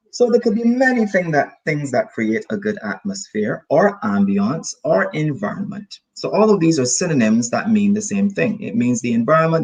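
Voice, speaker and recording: A man from Barbados, teaching an online English lesson over a video call and explaining slowly, with many repetitions and synonyms. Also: a little high, husky, low-quality recording.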